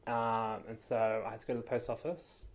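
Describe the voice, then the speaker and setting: A woman's voice: extremely low pitch, level tone, fairly quick, vocal fry, darkish tone. A woman, co-hosting a casual podcast and telling stories in a chatty, rambling way. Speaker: co-host.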